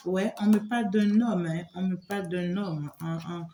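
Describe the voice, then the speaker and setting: Mellow-voiced woman giving a rambling tarot reading. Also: fairly low pitch, fairly even intonation, moderate pace, echoey room, slight background noise. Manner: loose and rambling, full of filler words and repeated "here"; keeps checking in with the listener. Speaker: tarot reader and medium. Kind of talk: spoken tarot reading addressed to the viewer.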